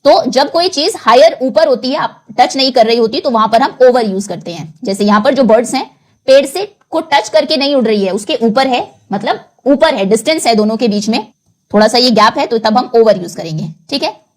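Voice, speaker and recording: High-pitched lady teacher spelling out words slowly, mixing hindi and english. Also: lively intonation. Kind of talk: explaining a textbook lesson.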